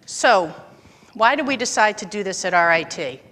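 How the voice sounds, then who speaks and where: Here a woman in her fifties recounts career anecdotes during a chatty conference talk in an auditorium. She sounds animated at a normal speed, with a mid-range, somewhat bright voice and a long reverb tail.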